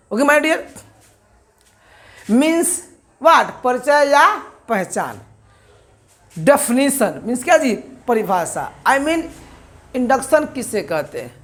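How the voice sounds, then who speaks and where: A woman with an Indian accent teaching spoken English, asking questions and answering them herself, drilling words by repetition. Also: fairly high pitch. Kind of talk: classroom-style language lesson.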